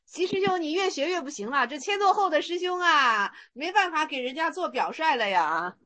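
A woman dharma teacher talks through Zen stories in a casual lecture. Her voice is high and bright, and she teases her listeners in a lively way. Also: normal speed. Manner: lively, teasing, acts out dialogue.

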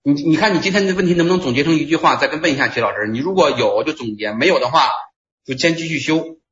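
A man leads a Buddhist study group, retelling a Zen story in a loose, chatty way that keeps restarting phrases. His voice sits a touch high and sounds roomy and dull, like a lo-fi recording in an echoey room. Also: animated, fast talker, fairly bright tone.

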